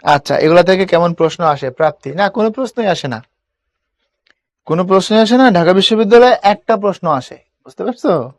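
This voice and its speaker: A man's voice: high-pitched, animated, a little fast, no room sound. A young man teaching an online spelling class, casual and coaxing, often checking whether students understand. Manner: colloquial, coaxing, keeps asking students if it is clear.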